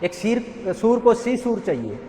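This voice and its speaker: A man's voice: sits high, big pitch swings, a little slow, mellow. A man giving an earnest motivational talk at a rehab center, telling a parable and asking rhetorical questions. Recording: echoey hall.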